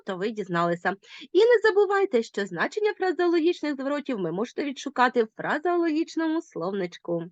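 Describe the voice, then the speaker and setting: Lively Ukrainian woman teaching a lesson. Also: fairly high pitch, no room sound, muffled recording. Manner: lively, addresses pupils directly with questions. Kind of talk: recorded video lesson.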